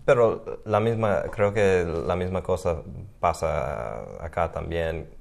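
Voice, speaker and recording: Slow, deep-voiced man. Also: vocal fry. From Maine, USA. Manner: hesitant, halting with many restarts. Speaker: conversation partner. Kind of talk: casual chat in Spanish.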